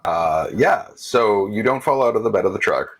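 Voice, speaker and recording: A man narrating as game master of a tabletop game, relaxed and searching for words with many fillers. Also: fairly low pitch, normal speed, low-quality recording.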